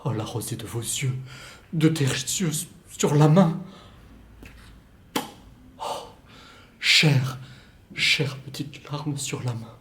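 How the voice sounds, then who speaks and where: Reading a play by himself on stage, a young student actor takes the part of an anxious lover, pleading with stammers and repetitions. He speaks slowly with long pauses in a medium-pitched, somewhat bright voice, and the room sounds echoey.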